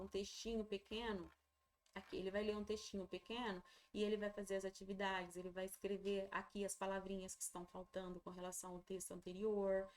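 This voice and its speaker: A woman teacher, warmly guiding parents through a literacy workbook and slowly sounding out syllables. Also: mid-range voice. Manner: warm, encouraging, slows and sounds out syllables.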